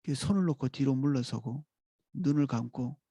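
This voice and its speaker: Male pastor, dawn sermon, gravelly mellow voice, measured and reflective delivery. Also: medium pitch, no echo, lo-fi sound. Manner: calm, reflective, with pauses and restarts.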